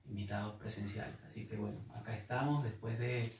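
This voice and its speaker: A man's voice: on the low side, brisk, a little mellow, a little hiss or hum. A man from Venezuela with a Venezuelan accent, a guest guitarist telling his story earnestly with many repeated words. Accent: Venezuelan Spanish. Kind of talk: casual interview. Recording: echoey room, mic at a distance.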